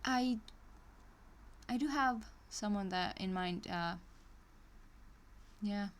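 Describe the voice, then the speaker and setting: A woman speaks slowly in a mid-range voice while live streaming her reading of an online course. She hesitates often with ums and restarts, breaking away into chatty asides and small laughs as she comments casually.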